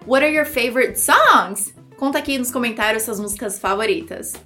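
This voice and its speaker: Brief: Brazilian woman, English teacher, high bright voice, chatty and lively, faint music underneath. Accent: Brazilian Portuguese. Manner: lively, chatty, demonstrates words slowly for repetition. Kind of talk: pronunciation lesson video.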